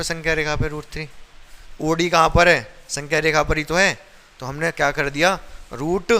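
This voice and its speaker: Bright-voiced man teaching maths. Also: a little high. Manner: asks students repeated questions and answers them himself. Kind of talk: classroom maths lesson. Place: classroom.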